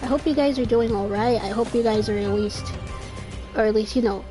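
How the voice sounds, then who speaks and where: Fairly quick and on the high side, her voice carries a dry, faintly scratchy throat. This gaming streamer in her twenties rambles through casual commentary against game music, trailing off and restarting her sentences often.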